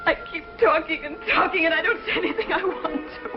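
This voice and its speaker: A tearful, desperate woman clings to a phone call, her high voice breaking into halting, stammered pleas. It has the dated delivery of a 1950s television drama. The sound is muffled, with music playing clearly underneath. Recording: muffled old TV broadcast with music.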